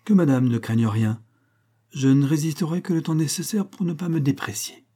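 A man voicing a calm, scheming young female maid, politely deferential and matter-of-fact. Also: on the high side, moderate pace, voice pushed up. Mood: assured.

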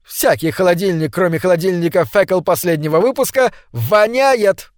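A man voicing a mocking loudspeaker advertisement that shouts a jeering sales pitch. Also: normal speed, no room sound, studio quality, close to an everyday voice.

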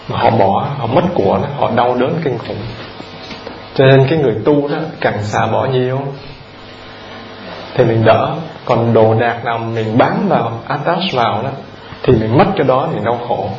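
A man's voice: medium pitch, gravelly. A Buddhist monk giving a conversational dharma talk, repeating words and putting questions straight to his listeners. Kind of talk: dharma talk to a lay audience. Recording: roomy, dull lo-fi recording with audience.

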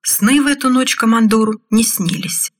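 Woman, audiobook narrator, husky breathy tone, steady even reading. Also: fairly high pitch, moderate pace.

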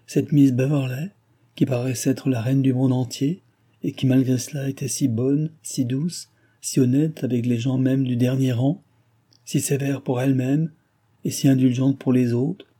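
A man's voice: mid-range voice, fairly even intonation, normal speed, warm tone, husky, natural voice. A man voicing a distraught young woman who pleads and sobs at a sick friend's bedside. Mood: anguished. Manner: pleading, sobbing, exclamatory.

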